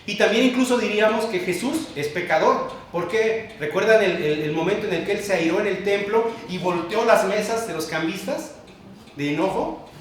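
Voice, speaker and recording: A male pastor preaching a sermon, emphatic, with sudden drops to a low hush. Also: moderate pace, a little hiss or hum. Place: church sanctuary. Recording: very echoey church hall, mic far off.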